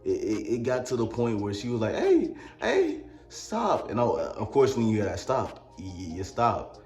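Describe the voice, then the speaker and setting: A man with a Mississippi drawl rambles through a comedic album review, tossing in crude jokes. His voice sits fairly low and rings in a roomy, echoey space. Faint music plays behind him. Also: a little fast, darkish tone. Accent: Mississippi Southern US. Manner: rambling, crude joking asides.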